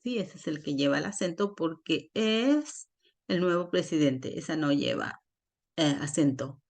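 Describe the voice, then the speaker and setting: A woman teaching a grammar lesson online, explaining slowly and patiently and checking in often with her students. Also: deep voice, animated, vocal fry, darkish tone. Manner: slow, patient, checks in with frequent "¿sí?". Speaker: Spanish teacher.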